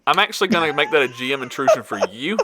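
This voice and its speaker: A man running a tabletop role-playing game as game master, relaxed and often correcting himself as he narrates. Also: on the high side, racing. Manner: relaxed, self-correcting, laughs easily.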